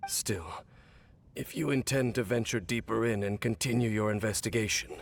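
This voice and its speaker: A grave, mysterious swordsman from a game, with a gruff, gravelly voice that sits low. He sounds sick and worn down, and he speaks in a solemn, measured way. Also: slight background noise. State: weakened, coughing.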